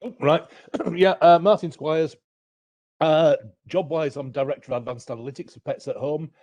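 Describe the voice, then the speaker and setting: A man's voice: fairly high pitch, steady tone, normal speed, darkish tone, muffled recording. A man, an analytics director and trainer, giving an informal introduction in a meeting.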